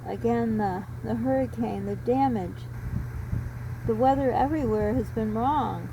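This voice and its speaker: A middle-aged woman giving an unscripted, reflective personal talk in short, halting phrases. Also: a little high. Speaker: storyteller sharing personal reflections. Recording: steady noise of a running fan. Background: electric fan running.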